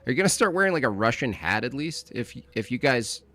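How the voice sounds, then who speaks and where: A man's voice: mid-range voice, sing-song, quick pace, sharp tone, a little hiss or hum. A man co-hosting a podcast in loose, teasing banter, rambling and laughing at his own jokes. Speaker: podcast co-host. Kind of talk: casual banter.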